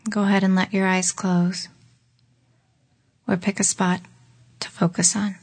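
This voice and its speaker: A woman leading a guided relaxation exercise in a slow, soft voice that often drops into a whisper. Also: medium pitch, flat delivery, breathy edge. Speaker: meditation guide.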